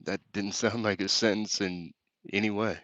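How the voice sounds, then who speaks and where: A man's voice: lowish voice, fairly even intonation, normal speed, fairly bright tone, no room sound. A man doing a push-up challenge on a live stream, reading chat comments aloud and cursing as he jokes, a little out of breath between sets. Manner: crude, joking, reads chat comments aloud with laughs.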